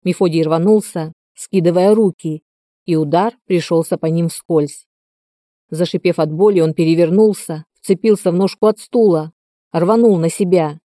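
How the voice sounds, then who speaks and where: A woman narrating an audiobook in a steady, even storytelling manner. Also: lowish voice, moderate pace, no room sound, studio quality. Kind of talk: scripted narration.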